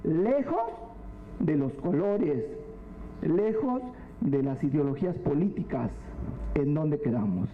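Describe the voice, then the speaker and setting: A man's voice: on the high side, big pitch swings, takes it slowly, long pauses. A man making a public comment at a forum, speaking earnestly and building to rhetorical questions. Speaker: audience member at a public forum. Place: legislative hall forum. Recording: tinny phone-like sound with faint hum.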